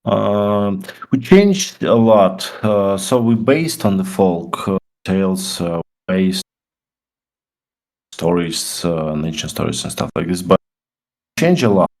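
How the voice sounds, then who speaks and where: A game developer answering interview questions in halting speech full of fillers, his voice cutting out over a bad call connection. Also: low-pitched, a little mellow. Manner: halting, many fillers and restarts. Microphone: video call.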